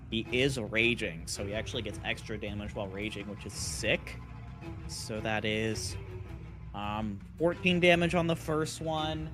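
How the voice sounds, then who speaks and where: A man talking casually as a player in a tabletop game session, thinking aloud as he works out rules and dice. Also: mid-range voice. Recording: music playing behind the voice.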